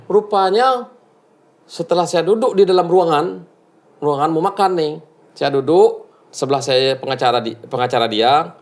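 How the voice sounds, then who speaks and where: A man, recounting his story in a casual interview, halting and full of restarts. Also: a little high, a little mellow. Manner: halting, full of restarts, acts out quoted speech.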